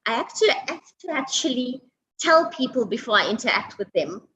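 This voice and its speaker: A woman with a South African accent giving a webinar lecture over a video call. She talks fast, restarts and repeats words, and often checks in with "okay?". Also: a little high, sing-song, bright, forceful tone, poor audio. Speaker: webinar speaker.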